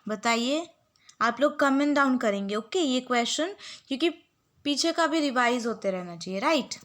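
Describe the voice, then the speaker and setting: A woman's voice: sits high, animated, moderate pace, a bit bright. A young woman teacher giving a spelling lesson, dictating words and spelling them out letter by letter. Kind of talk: spelling lesson for exam students.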